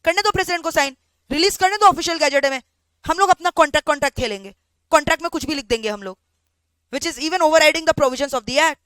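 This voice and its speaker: A woman's voice: high-pitched, quick pace, dry recording. A woman teaching a law class, acting out both sides of a story and often checking whether students follow. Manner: animated, acts out both sides of a story, asks "samajh mein aa raha hai?".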